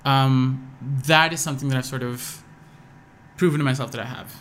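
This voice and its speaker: A young man from Pakistan guests as a musician on a casual podcast, speaking in an American accent and hesitantly circling his points with fillers, false starts and restarts. His mid-range voice runs at normal speed, fairly bright with fairly even intonation. Slight background noise and faint room ambience can be heard.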